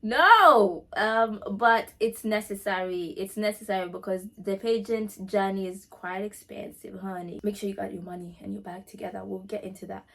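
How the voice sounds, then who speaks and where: A woman's voice: mid-range voice, level tone, fairly quick, gravelly, hardly any pauses. A woman hosting a casual question-and-answer vlog, speaking directly to her viewers in an emphatic way and repeating phrases for stress. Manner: conversational, addresses listeners directly. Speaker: pageant winner and vlog host answering questions. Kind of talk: casual chatty Q&A talk to viewers.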